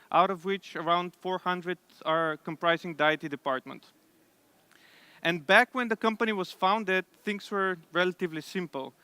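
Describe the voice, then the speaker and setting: Man, conference talk, bright, dry close sound. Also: high-pitched, clean tone, dry recording. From Bulgaria. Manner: steady presenter, occasional self-corrections. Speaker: conference speaker. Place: conference stage.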